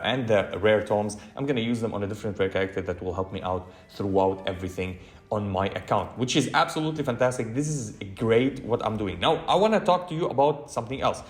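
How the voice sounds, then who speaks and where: A man's voice: fairly low pitch, reverberant. A man talking through a video game in a casual walkthrough, chatty, with many fillers and self-corrections. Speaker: gaming channel host.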